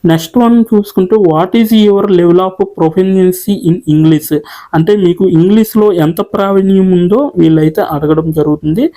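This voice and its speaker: A channel host walking viewers step by step through an online job application, reading each English question slowly and then explaining it patiently. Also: mid-range voice, warm tone. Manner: patient, repetitive explaining, listing options one by one.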